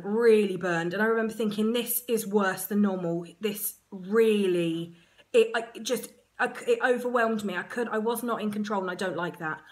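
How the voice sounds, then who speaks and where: An Englishwoman telling a personal story to camera in a chatty, frank, self-mocking way, full of quick asides. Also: mid-range voice. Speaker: surrogate mother vlogger.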